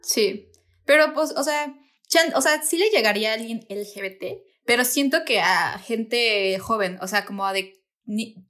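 A woman's voice: a little high, moderate pace, sharp tone. Joking young Mexican woman. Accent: Mexican Spanish. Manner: joking, slangy, rambling. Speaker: podcast co-host. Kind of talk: casual chat.

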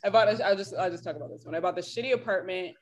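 A woman's voice: mid-range voice, rapid-fire. Laughing Californian woman with a valley girl voice. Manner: animated, laughs often, acts out quoted lines. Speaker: podcast co-host. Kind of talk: casual chat.

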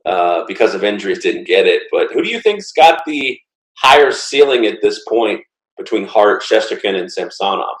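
A man's voice: on the low side, sing-song, moderate pace, echoey room, rough recording. A man co-hosting a casual sports podcast, rambling and playful, with lots of fillers. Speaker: podcast co-host.

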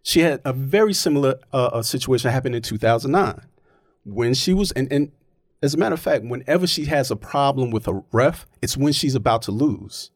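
Male, argumentative casual talker, animated delivery, dry close sound. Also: mid-range voice, a little fast, dry recording. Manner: emphatic, argumentative, keeps checking with "right?". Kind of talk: casual opinionated chat.

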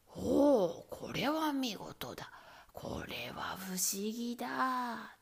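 A woman voicing a pompous old male feudal lord who barks loud, haughty commands in a storybook tale, her voice raspy and breathy. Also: a little high, big pitch swings, extremely slow, exaggerated voice.

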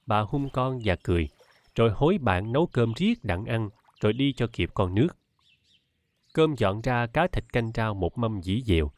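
A man reading a novel aloud as an audiobook narrator, in a steady, measured way. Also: fairly low pitch, dry recording. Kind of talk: scripted narration.

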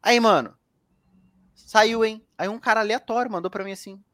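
A man's voice: sits high, moderate pace, fairly bright tone, no echo, studio quality. A man hosting a casual podcast, telling a story with lots of slang and swearing. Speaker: podcast host.

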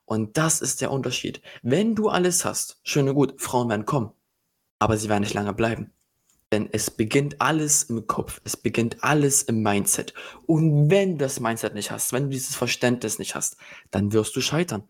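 A man's voice: medium pitch, lively intonation, normal speed. A young man talking on a casual podcast in an ordinary mid-range voice. He sounds sure of himself and lectures his listener firmly. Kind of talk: casual chat.

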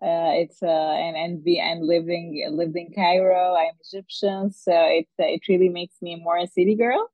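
A low-voiced woman appears as a remote podcast guest in a casual interview. She speaks haltingly and thoughtfully, with many pauses and fairly even intonation. The remote call audio is dull and dry.

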